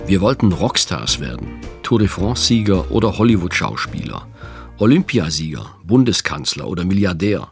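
A man's voice: low voice, big pitch swings, creaky, soft background music. A man in his fifties giving a reflective scripted radio narration as host. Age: 50s. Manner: reflective, measured.

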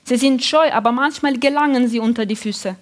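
A woman's voice: fairly high pitch, a little fast, natural voice. A woman voicing a very old, friendly but confused lady who talks in a cheerful, conspiratorial way in an audiobook. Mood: calm.

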